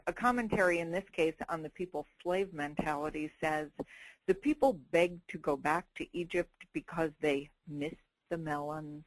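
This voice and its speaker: A woman's voice: sits low, no echo, poor audio. Middle-aged woman, wry sermon-style talk, acts out quotes, dry close sound. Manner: wry, expressive, with dramatic quoted voices. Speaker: speaker giving a Torah talk.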